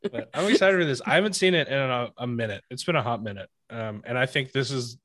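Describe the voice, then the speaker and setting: A man's voice: medium pitch, quick pace, fairly bright tone, dry recording. A man hosting a movie podcast, chatting casually and loosely with many fillers. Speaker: podcast host. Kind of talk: casual chat.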